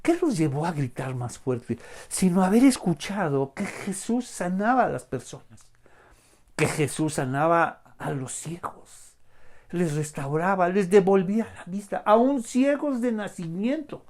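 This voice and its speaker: Male preacher, online sermon, lively delivery built on rhetorical questions. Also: fairly high pitch, a little slow. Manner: animated, full of rhetorical questions.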